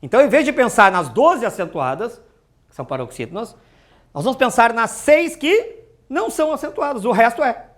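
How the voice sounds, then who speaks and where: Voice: mid-range voice, very animated, brisk. A teacher giving an exam-prep grammar lesson, chatty and full of joking asides and rhetorical questions.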